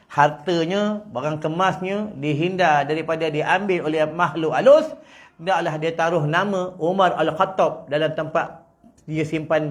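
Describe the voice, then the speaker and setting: A preacher with a Malaysian Malay accent gives a humorous religious lecture in a prayer hall, teasing his audience as his volume swings between loud and soft. His voice is on the high side.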